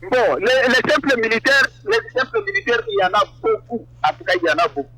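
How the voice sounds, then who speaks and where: A man's voice: fast, low-quality recording. A man from eastern Congo giving an interview, speaking emphatically and repeating words as he argues. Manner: emphatic, repeats words, animated pitch jumps. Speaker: interview guest. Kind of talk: political interview, casual.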